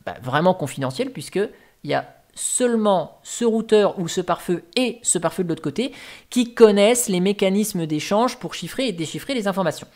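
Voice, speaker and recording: A man's voice: high voice, animated, a little fast, a little mellow. A man hosting a tech tutorial, walking through a topic over diagrams in a patient, step-by-step way with casual asides.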